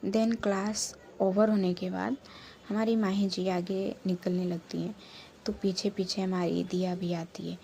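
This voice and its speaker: Mellow-voiced woman telling a story. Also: mid-range voice, flat delivery, a little slow, gravelly, slight background noise. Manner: chatty, repetitive framing of who says what. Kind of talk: casual storytelling narration.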